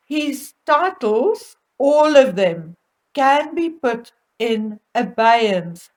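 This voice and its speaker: Female gossip commentator, higher-pitched, unhurried and deliberate, catty and arch. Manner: catty, mocking, arch asides. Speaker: host of a royal gossip commentary.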